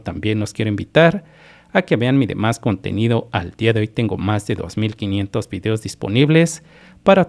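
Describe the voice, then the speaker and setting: Vocal fry colors the lowish, darkish voice of a man from Mexico who hosts his own channel. He addresses viewers head-on, going over earnings on a screen recording with methodical repetition.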